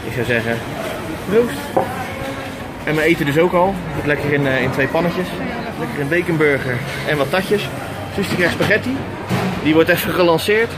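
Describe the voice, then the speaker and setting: A man's voice: on the high side, moderate pace, long pauses, very noisy. A man in his thirties with a Dutch accent, chatting casually with many fillers as he vlogs through a busy outdoor theme park, filming himself on a camera held at arm's length. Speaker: vlogger. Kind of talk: casual travel vlog. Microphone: action camera at arm's length. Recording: music clearly heard behind.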